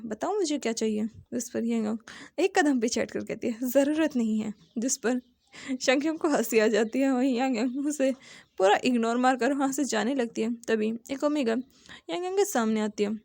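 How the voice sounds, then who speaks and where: A woman retelling a drama series episode as a steady, plain storyteller, speaking close to the mic. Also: a little high, moderate pace, gravelly, dry recording.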